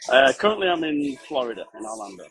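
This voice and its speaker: A man with a mid-pitched voice joins a casual chat as a guest on a video call. He explains things emphatically, often asking a question and then answering it himself. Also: sing-song, fast, crowd noise. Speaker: call-in guest, print production operator. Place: outdoors at a pub.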